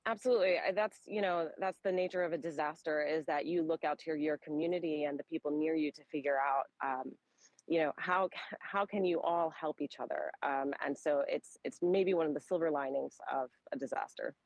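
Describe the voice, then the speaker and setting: A woman's voice: low voice, fairly even intonation, brisk, no echo, rough recording. A woman, a humanitarian relief worker, giving spontaneous, explanatory answers in a news interview, feeling her way through phrases.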